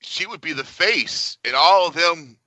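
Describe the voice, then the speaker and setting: Male podcast co-host, piercingly bright, informal blunt chat, dry recording. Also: on the high side, expressive, unhurried, dry recording, low-quality recording. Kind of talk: casual chat.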